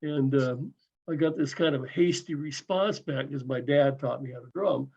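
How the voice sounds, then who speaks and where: Lively man in his seventies, muffled. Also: mid-range voice, moderate pace. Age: 70s. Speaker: drum corps member. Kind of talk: casual video call chat. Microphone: video call. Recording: dull lo-fi call audio.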